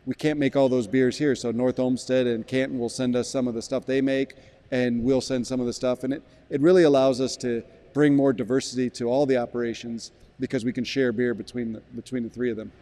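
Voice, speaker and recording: 40s guy, sales director at a brewery, mellow voice, talks careful and restarts a lot. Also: mid-range voice, steady tone. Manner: measured, thoughtful, frequent restarts. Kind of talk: business interview. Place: brewery barrel room, indoors.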